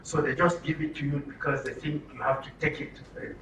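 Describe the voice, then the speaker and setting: His voice a little high and his delivery brisk with fairly even intonation, a man with a Nigerian accent teaches an orientation workshop for media workers. He quizzes the audience and repeats phrases didactically, and the recording has roomy echo, a distant mic, and faint noise from the live room.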